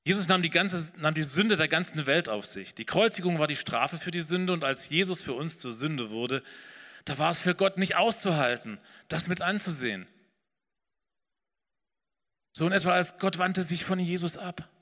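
A man preaching a sermon as pastor, earnest and swelling then dropping soft. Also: a little high, expressive, moderate pace, long reverb tail. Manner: earnest preaching, rising and falling in intensity.

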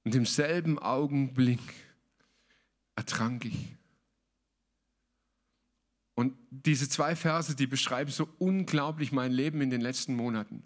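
A man's voice: mid-range voice, a little slow, long pauses. A man preaching a sermon as a pastor, emphatic and colloquial, mixing in English words.

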